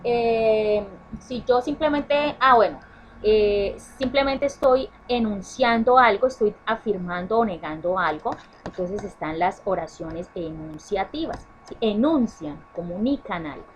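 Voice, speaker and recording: A woman's voice: medium pitch, expressive, unhurried, dull audio, a little hiss or hum. A woman teacher explaining a grammar lesson to children, often checking in with "¿sí?" and correcting herself as she goes. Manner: self-correcting restarts. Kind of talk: online class explanation.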